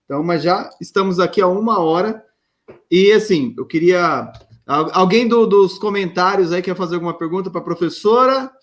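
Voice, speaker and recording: Brief: man, fairly high voice, relaxed friendly live-stream host. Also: moderate pace. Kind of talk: casual live-stream interview.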